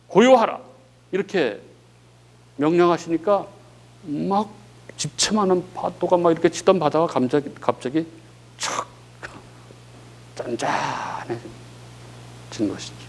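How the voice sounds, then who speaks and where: A male pastor preaching a sermon with dramatic swings of voice, often saying "예" between phrases and dropping low and soft at the ends of sentences. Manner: dramatic preaching that acts out the disciples' cries, rising and falling sharply; frequent filler "예" between phrases.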